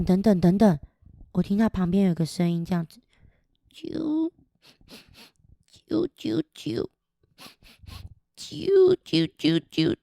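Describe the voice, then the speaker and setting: A woman telling a picture-book story as if reading to a toddler, animated and coaxing, with simple questions and exclamations for young children. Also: medium pitch, no room sound, studio quality.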